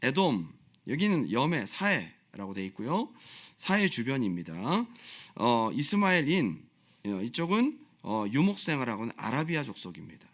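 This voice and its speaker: This is a male pastor delivering a sermon in a church sanctuary, moving from loud pleading to quiet explanation and repeating phrases for emphasis with passion. His mid-range voice swings widely in pitch at a moderate pace.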